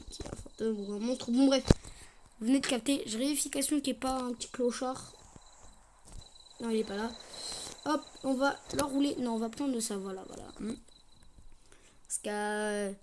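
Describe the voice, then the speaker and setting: High-pitched young woman gaming streamer, noisy mic. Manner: slangy, chatting to viewers. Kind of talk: casual horror game commentary.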